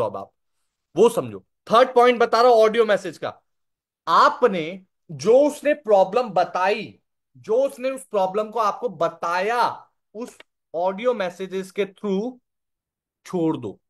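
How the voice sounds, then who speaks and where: A young man with a notably high voice leads a live online training session. He talks in an instructive way, repeats his key points, and keeps asking the audience whether they follow. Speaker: sales trainer.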